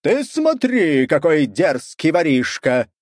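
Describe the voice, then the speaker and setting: A man voicing angry middle-aged townsmen who loudly accuse a young thief. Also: on the high side, sing-song, slow pace, no room sound, studio quality, voice pushed up. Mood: indignant. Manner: loud, accusing, blustering.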